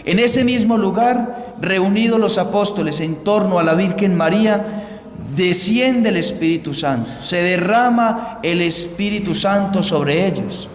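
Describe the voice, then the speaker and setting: Slow-speaking priest in cathedral echo. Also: male voice, high-pitched. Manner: solemn, measured, deliberate phrasing. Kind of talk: liturgical Gospel reading and homily. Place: large reverberant church. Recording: echoey church, long reverb, faint noise.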